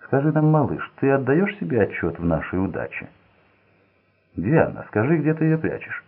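A man's voice: deep voice, animated, normal speed, gravelly, husky, heavily acted. A man voicing a lazy, greedy gangster who drawls with boredom and gloats over a lucky break. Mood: gloating. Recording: tinny phone-like sound.

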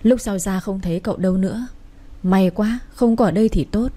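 Female storybook narrator, even delivery, mellow timbre. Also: mid-range voice, fairly quick.

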